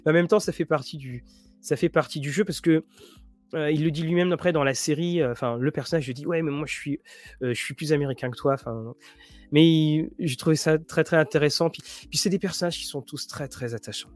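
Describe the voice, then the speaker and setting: A man's voice: fairly high pitch, fairly quick, soft background music. A man hosting a casual show about role-playing games and series, rambling with many restarts and fillers. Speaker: tabletop RPG and series show host. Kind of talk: casual chat to viewers.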